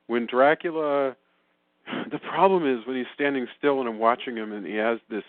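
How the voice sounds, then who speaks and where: A man hosting a casual film review podcast, talking in an animated, rambling way with many restarts. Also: medium pitch, moderate pace, no room sound. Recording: phone-like remote call line.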